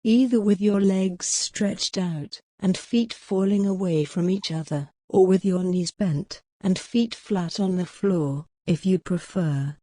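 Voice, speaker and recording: A woman guides a mindfulness meditation in a gentle, soothing, measured manner, leaving long pauses. Her voice is lowish and the sound has no echo.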